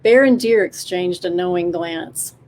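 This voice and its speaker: A woman narrating a storybook about forest animals with a gentle, expressive reading. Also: lowish voice, a little slow, a little hiss or hum.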